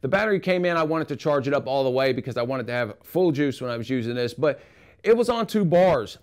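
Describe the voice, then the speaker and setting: A man's voice: medium pitch, lively intonation, fast talker. A man giving a casual, rambling tool review in his home garage, with frank opinions.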